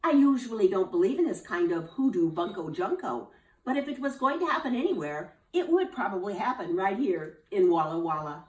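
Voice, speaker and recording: A woman voicing a calm, knowing female school nurse with a measured, matter-of-fact manner. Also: medium pitch, far from the mic, natural voice. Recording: roomy, from off the mic.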